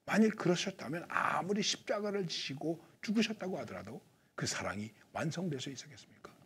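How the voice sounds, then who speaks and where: Male pastor, middle-aged, very husky and breathy, lively pitch swings, preaching style. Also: a little fast. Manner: animated, swings between loud emphatic lines and dropped near-whispers; asks the listeners rhetorical questions. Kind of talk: sermon.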